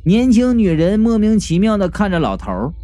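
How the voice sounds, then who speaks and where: A man tells a comic story in a chatty, colloquial way. His voice sits a little high and moves animatedly, with soft music underneath. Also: big pitch swings, normal speed. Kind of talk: comic audiobook narration.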